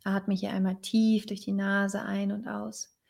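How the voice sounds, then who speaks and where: Calm German woman with vocal fry. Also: medium pitch, a little slow. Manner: calm, repetitive prompts for the listener to repeat. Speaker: tapping session guide. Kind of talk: guided tapping meditation.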